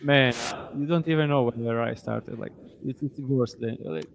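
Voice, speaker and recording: A man from Croatia, co-hosting a sports betting podcast in casual chat, halting and full of restarts and fillers. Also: medium pitch, vocal fry.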